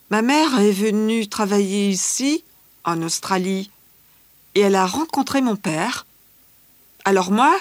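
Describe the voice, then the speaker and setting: In a scripted exam dialogue, a woman plays a cheerful teenage schoolgirl who loves fashion, answering interview questions with measured, careful delivery. Her voice sits in the mid-range, and there's no echo.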